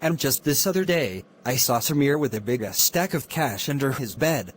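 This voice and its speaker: A man's voice: medium pitch, lively intonation, normal speed, slight background noise, close to an everyday voice. A man playing a grieving, hot-headed teenage brother in a murder mystery film. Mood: subdued.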